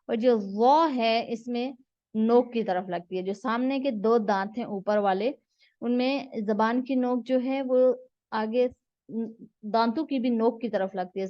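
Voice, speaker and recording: Speaking a bit slowly in a fairly high voice, a woman guides learners through Quran reading one step at a time, patiently repeating each letter's sound again and again. The recording is close, dull and dry, with no room sound.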